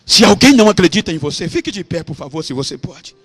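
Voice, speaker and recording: A man with a Brazilian Portuguese accent preaching a sermon as a pastor, swinging from hushed storytelling to shouted climaxes. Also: high voice, big pitch swings, fast talker, breathy edge.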